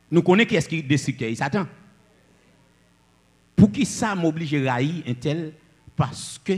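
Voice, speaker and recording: A man preaching a sermon, swinging between loud declamations and low asides. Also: breathy edge, long reverb tail.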